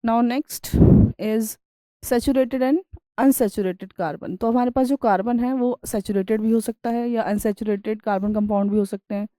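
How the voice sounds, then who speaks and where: During a classroom science lesson, a female teacher reads English sentences slowly, explains them in Hindi using everyday examples, and keeps checking on her students. Her mellow voice is on the high side and steady, in a dry, rough recording.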